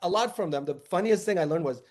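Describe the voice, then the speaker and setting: A man with a fairly high voice talks as a podcast guest. His style is casual and conversational, full of personal storytelling. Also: lively intonation, quick pace, darkish tone. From New York. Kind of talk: casual chat and anecdotes.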